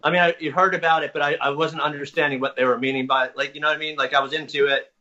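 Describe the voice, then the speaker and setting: Man, guest storyteller, rambling and self-correcting, bright forceful tone, dull lo-fi sound. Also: fairly high pitch, little pitch movement, very fast. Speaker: guest recounting experiences. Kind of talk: casual storytelling. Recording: dull lo-fi audio.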